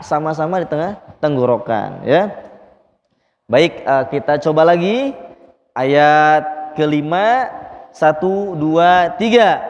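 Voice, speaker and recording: A man teaching Quran recitation, patiently drilling sounds and chanting slow, drawn-out verses. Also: high-pitched. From Indonesia. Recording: long reverb in a hall.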